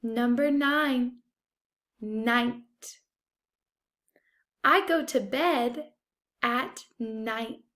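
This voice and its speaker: A woman with a high voice speaks as a first-grade teacher dictating a spelling test. Her pace is extremely slow and deliberate, with each word enunciated for young pupils. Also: fairly bright tone. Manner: deliberate, enunciated, repeats single words.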